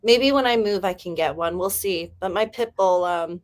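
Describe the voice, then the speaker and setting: A woman hosting a casual writing livestream, hyper and chatty, rambling with quick restarts. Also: fairly low pitch. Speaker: livestream host running writing sprints.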